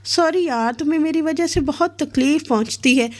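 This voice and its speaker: A woman voicing a caring, quick-tempered young husband in a romance novel reading, firm and protective. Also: high-pitched, close to an everyday voice.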